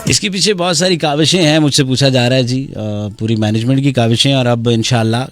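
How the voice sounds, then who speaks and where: This radio host, a Pakistani-accented man, speaks in a steady, mid-range voice during a casual live session on social media. Music runs in the background while he reads out messages from listeners, switching between Punjabi and English and ribbing them in a playful, dramatic way.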